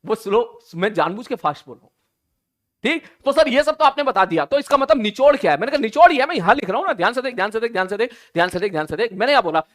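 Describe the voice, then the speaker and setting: A man teaching an online physics lesson, talking casually to students, often checking whether they follow and slowing right down to stress key sentences. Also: very high voice, expressive, a bit bright.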